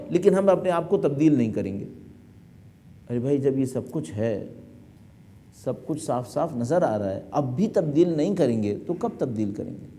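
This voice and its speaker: Mellow-voiced man preaching a sermon. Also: a little high. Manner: emphatic, full of rhetorical questions. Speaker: cleric delivering a majlis.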